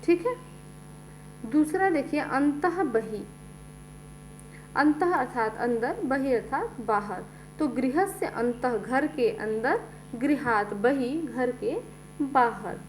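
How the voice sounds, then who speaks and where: A woman's voice: sits high, animated, slow, poor audio. A woman teacher explains a lesson step by step, often saying "ठीक है" as she goes. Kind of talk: slow classroom explanation. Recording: faint mains hum.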